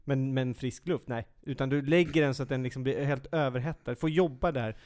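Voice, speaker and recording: A man's voice: mid-range voice, darkish tone. A man chatting casually as a co-host, rambling and correcting himself with playful teasing. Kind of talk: casual chat.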